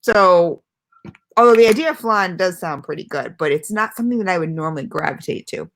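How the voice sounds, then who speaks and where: Speaking fairly quickly and expressively, a woman with a lowish voice and vocal fry reviews a product for her channel. She's an e-liquid vlogger filming at home outside her normal setup, chatting in a rambling, self-deprecating way full of fillers.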